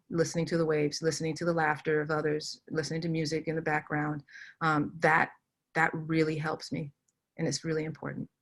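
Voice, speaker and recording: A woman panelist answering thoughtfully with many pauses and fillers. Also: low voice, a bit bright. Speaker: panelist, tech engineering director. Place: Los Angeles area.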